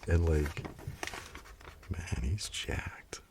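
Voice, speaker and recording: A man talking in a soft, half-whispered ASMR style close to the mic, musing in relaxed asides as he pages through a comic. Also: deep voice, drawn-out words. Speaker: ASMR creator. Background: pen and page sounds.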